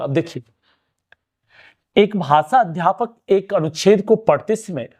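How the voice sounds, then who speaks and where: A man teaching an exam-prep lesson, explaining step by step and asking and answering his own questions. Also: on the high side. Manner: urging students to keep watching.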